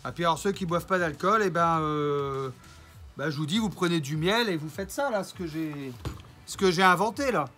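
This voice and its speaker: High bright-voiced man ranting. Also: moderate pace, faint music behind. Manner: mocking, rambling, theatrical asides. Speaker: YouTuber. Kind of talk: casual vlog rant.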